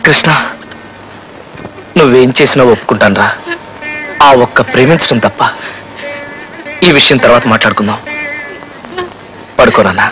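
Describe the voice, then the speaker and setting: An actor playing a remorseful elder brother who gently and tearfully consoles his sibling, with film music under his voice. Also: medium pitch, normal speed, pauses often, close to an everyday voice, poor audio.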